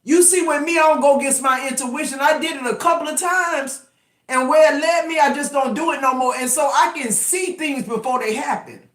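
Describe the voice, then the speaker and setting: A man in his fifties gives a casual tarot reading in an echoey room, speaking emphatically, swearing, and rambling through restarts. His voice is very high-pitched and fairly bright, and he talks fairly quickly.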